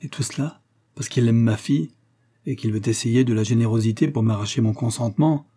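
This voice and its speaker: Guy doing a proud broke old nobleman, loud and raging, husky dark voice, storybook reading. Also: mid-range voice, brisk, close to an everyday voice. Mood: bitter. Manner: loud, impassioned outbursts. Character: proud impoverished old nobleman, furious and desperate.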